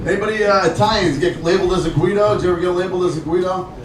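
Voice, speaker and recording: A man's voice: sits high, very fast, background noise. A middle-aged man from the Shore, doing a brash, profane stand-up set and working the crowd. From Jersey Shore, USA. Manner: brash, profane, chatty with the audience. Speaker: stand-up comedian. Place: comedy club stage. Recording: roomy live club audio from a distant mic. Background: laughing crowd.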